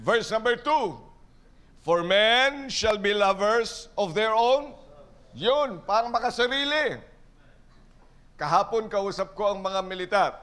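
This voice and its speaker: A man's voice: high-pitched, a bit bright, clear, resonant tone. A man pastor preaching a sermon in church, mixing earnest preaching with playful asides to the congregation.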